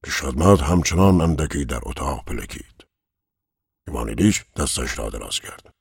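A man narrating a novel in a measured, solemn way. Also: a bass voice, expressive, creaky, slightly rough, dry recording, clean studio sound. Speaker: audiobook narrator.

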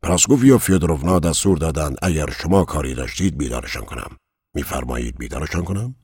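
A man voicing an eager, obsequious young male servant who speaks politely and quickly. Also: rumbling low, expressive, a little mellow, breathy edge, big-room sound, pitched above the performer's own voice, exaggerated voice. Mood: eager servile.

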